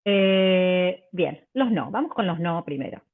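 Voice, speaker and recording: A woman vocal coach, teaching a live online workshop, full of fillers and restarts and demonstrating pitch and volume changes. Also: lively intonation, slow. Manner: hesitant, many fillers and restarts. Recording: tinny phone-like audio.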